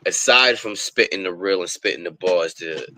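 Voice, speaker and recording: A man's voice: sits low, moderate pace, sharp tone, low-quality recording. A man, a rapper, chatting as an interview guest and telling long stories with plenty of fillers and restarts. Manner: rambling storyteller with many fillers. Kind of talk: casual interview chat.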